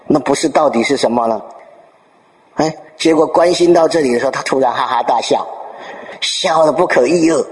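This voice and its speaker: A man giving a Buddhist dharma talk, telling a Zen story with lively storytelling and rhetorical questions to his listeners. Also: medium pitch, moderate pace. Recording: long reverb in a hall.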